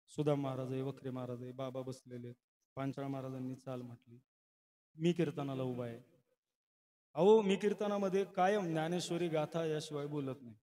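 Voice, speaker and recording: A man from Maharashtra preaching a devotional kirtan, telling a story with dramatic swells and acting out the people in it. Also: medium pitch. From Maharashtra, India. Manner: dramatic storyteller, voices characters, swells to loud emotional peaks. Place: kirtan stage before a seated audience.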